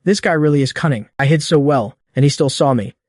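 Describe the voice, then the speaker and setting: A man's voice: fairly high pitch, fairly quick, a little mellow, no echo, studio quality, lightly acted. A man voicing a smug young woman spy who carries a katana.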